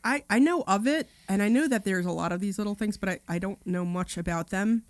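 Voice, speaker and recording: A woman co-hosting a radio show who tells stories in a chatty, lively way. Her voice sits in a middle range. It comes across close and dry, with no room sound. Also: medium pitch, fairly quick, dry recording. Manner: chatty storyteller, lively when retelling events. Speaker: radio co-host. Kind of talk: casual radio chat.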